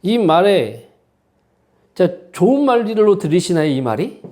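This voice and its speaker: This senior pastor's voice sits high and sounds mellow and very animated, though his pace stays measured. Preaching a Sunday sermon in the sanctuary, he speaks impassionedly, peppering the congregation with rhetorical questions and "eh?" prompts.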